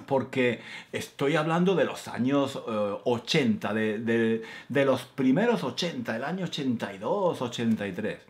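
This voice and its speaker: Slow-talking Andalusian man in his 50s. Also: medium pitch, lively intonation. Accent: Andalusian (Granada). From Granada, Spain. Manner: slow, repetitive, emphatic, with frequent fillers. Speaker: Spanish teacher. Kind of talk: storytelling lesson for learners.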